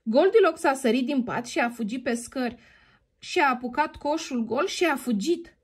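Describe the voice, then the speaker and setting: A woman reading a children's story aloud in an expressive, sing-song manner, sometimes addressing the heroine directly. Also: high-pitched, breathy edge.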